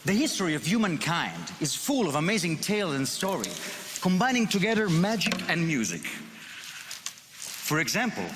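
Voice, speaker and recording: Lively Italian man performing on stage. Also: on the high side. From Italy. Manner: lively, playful, coaxing. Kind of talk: stage patter to an audience. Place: large theater stage. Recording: long hall reverb with loud music.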